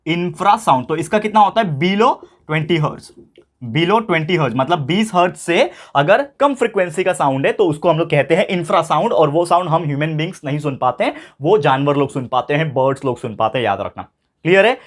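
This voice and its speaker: A young man teaching a science lesson online, mixing English terms into his talk, asking rhetorical questions and repeating key terms slowly. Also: fairly high pitch, animated. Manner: mixes English phrases into Hindi. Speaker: science tutor.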